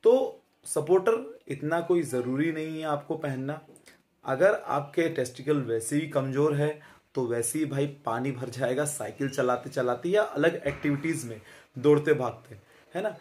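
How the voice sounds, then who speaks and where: A friendly man in his thirties gives a laid-back fitness talk straight into his phone, which he holds close in a small room. His voice is on the high side and a little mellow, and he fills pauses with "um"-type sounds and tag questions. He's a fitness vlogger.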